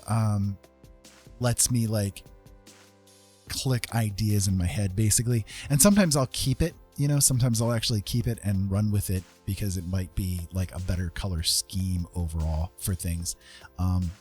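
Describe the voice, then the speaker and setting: On the low side, darkish and slightly rough, a man's voice carries a relaxed painting livestream. As a digital artist, he rambles in a self-deprecating way and chuckles frequently over background music.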